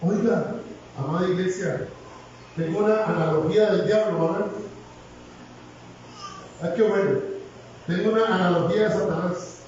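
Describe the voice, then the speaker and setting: A man delivers a lively, joking sermon in a high voice. He is picked up from afar in a very echoey church hall. The sound is dull, with a faint hiss underneath. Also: moderate pace, pauses often, far from the mic. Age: 60s. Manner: humorous, animated, jokes with congregation. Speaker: preacher.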